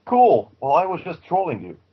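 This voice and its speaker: A man putting on a deadpan Transylvanian radio host. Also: fairly high pitch, moderate pace, husky, exaggerated voice. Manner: deadpan trolling, broken English. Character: male foreign radio host with put-on Transylvanian accent. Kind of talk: prank call-in radio chat. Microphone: laptop mic. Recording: dull lo-fi laptop audio.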